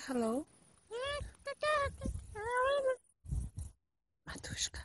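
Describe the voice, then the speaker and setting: A woman's voice: fairly quick, natural voice. A woman playing a self-styled fake Russian spy in a comedy sketch, speaking broken English in a put-on Russian accent, whispering conspiratorially and pleading with her mother on the phone.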